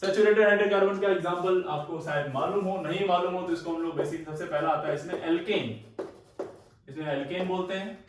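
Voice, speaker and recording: A man with a rather high voice teaching chemistry, his words echoing loudly in the room. He mixes Hindi and English and fondly calls students "beta". He asks a question and then answers it himself, and he speaks from some distance from the mic. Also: fairly even intonation, a little fast. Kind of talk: classroom lecture.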